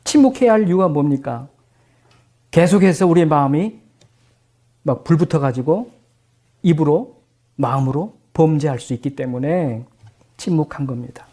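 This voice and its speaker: A middle-aged male pastor preaching a sermon, animated, acting out quoted voices and then dropping to soft, low tones. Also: normal speed, pauses often.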